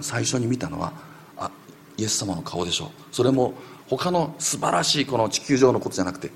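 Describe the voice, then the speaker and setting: Male preacher, low gravelly voice, rapid storytelling sermon with faint room noise. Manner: animated, acts out quoted voices, drops to whispers.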